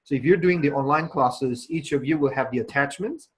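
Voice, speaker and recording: Male tutor, husky, explains step by step on a video call, lots of ums. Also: on the high side, a little fast, rough recording. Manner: explanatory, hesitant fillers. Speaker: English test teacher. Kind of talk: online class instruction.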